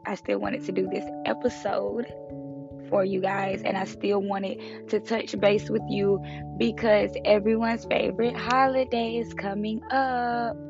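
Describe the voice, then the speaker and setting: Woman, podcast host, hoarse, rough middle-aged-man-like voice, creaky, casual, slightly dull recording. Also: medium pitch, level tone, unhurried, over music. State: hoarse from allergies and smoking. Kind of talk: casual solo podcast talk.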